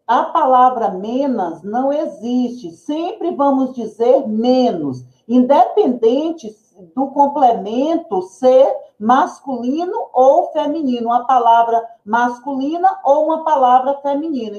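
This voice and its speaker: A Brazilian woman teacher explains grammar tips in a slow, careful, didactic way. Her voice sits high but sounds mellow and soft. The recording is roomy and a little dull. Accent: Brazilian Portuguese. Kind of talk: educational tips video.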